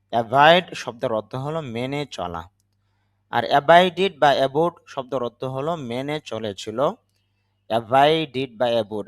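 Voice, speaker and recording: A man with a Bangladeshi Bengali accent teaches English grammar. He talks patiently and repeats each rule step by step, at an ordinary middle pitch. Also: dry recording, studio quality.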